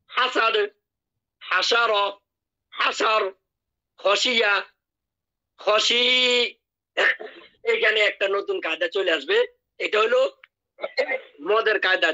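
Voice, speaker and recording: A man teaching Quran recitation in an online class, drilling each word slowly and patiently. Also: high voice, sharp tone, muffled recording. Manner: drills words by repeating them slowly. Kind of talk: online tajweed lesson.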